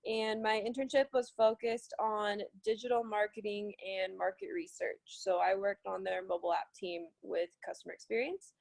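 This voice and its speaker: A woman's voice: medium pitch, fairly even intonation, normal speed, vocal fry, hardly any pauses, darkish tone, no echo. A young woman from Utah introducing herself casually on a webinar panel.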